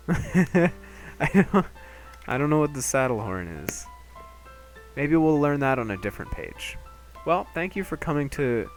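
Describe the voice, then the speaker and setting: A young man chats casually and jokingly as he streams a game, his pitch bouncing lively from line to line. His voice sits mid-range, with faint game music playing behind him. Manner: chatty, jokey, animated.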